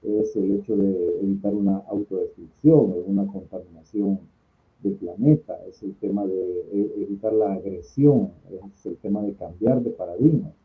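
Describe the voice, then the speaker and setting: Over thin, phone-like call audio, a deep, steady-toned middle-aged man from San Salvador, El Salvador, answers interview questions in a Salvadoran Spanish accent. Invited as a guest, he is a conference speaker and contact group organizer, and he explains his points earnestly, pausing deliberately.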